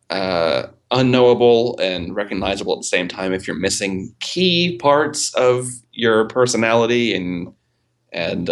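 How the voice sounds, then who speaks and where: A man's voice: low voice, fairly bright tone. A man hosting a casual podcast chat, rambling with many fillers and restarts and swearing casually. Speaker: podcast host.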